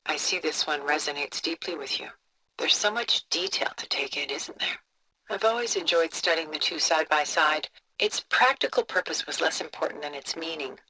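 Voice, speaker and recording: An actress's voice sits low here, with a little hiss or hum and poor audio overall, as she plays an older, cultured, composed art collector in a video game. The mood is reflective and admiring, the manner refined, measured, and contemplative with soft breathy phrase endings. It's character dialogue styled as museum-guide storytelling.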